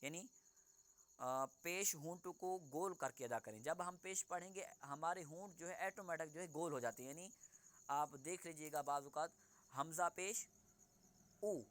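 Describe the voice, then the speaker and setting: A man teaching Quran reading in a calm, clear, smooth voice, pitched a little high. He patiently explains each point and says every sound slowly so the student can repeat it. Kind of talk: online one-on-one lesson.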